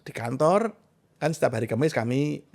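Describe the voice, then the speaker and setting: With a gravelly mid-range voice at normal speed, a middle-aged self-transformation coach guests on a conversational interview. He's an animated, expressive storyteller, sharing personal experiences and listing points emphatically.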